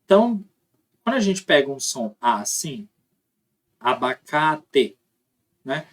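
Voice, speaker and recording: A man with a Brazilian Portuguese accent delivers a recorded linguistics lesson. He explains patiently, pauses to pronounce sample words aloud, and keeps checking that the listener is following. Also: fairly high pitch, big pitch swings. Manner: explanatory, demonstrates sounds aloud, frequent tag questions. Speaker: linguistics teacher.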